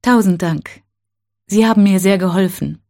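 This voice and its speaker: A woman teaching a language, reading set phrases one at a time in a slow, careful, clearly spaced way. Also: mid-range voice, darkish tone.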